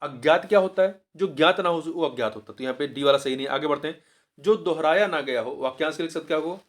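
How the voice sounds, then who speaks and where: A man teaching as he works through a test paper, explaining each answer and repeating the key word slowly, sometimes stopping to correct himself mid-word. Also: fairly high pitch. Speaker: exam prep teacher.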